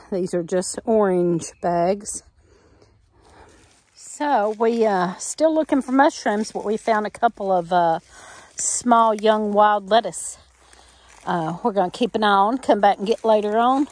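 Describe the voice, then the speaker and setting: A middle-aged homestead vlogger carries a handheld camera through the woods behind her farmhouse, talking folksily with frequent fillers and quick laughter. Her mid-range voice is slow and a little mellow, recorded without echo.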